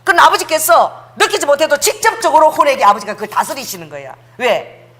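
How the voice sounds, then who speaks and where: Lively woman preaching a sermon. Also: sits high, fairly quick. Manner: animated storytelling with acted quotes and tongues.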